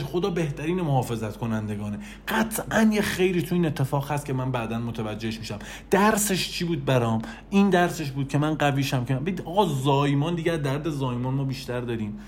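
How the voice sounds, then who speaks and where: Animated man giving a motivational talk. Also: on the high side, slight background noise. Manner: animated, repetitive, addresses listener directly. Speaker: self-help speaker.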